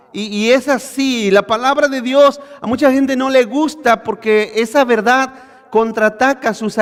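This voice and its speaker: A man preaching a sermon, quizzing his congregation with rhetorical questions. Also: very high voice. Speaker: pastor. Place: church hall. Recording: echoey church hall.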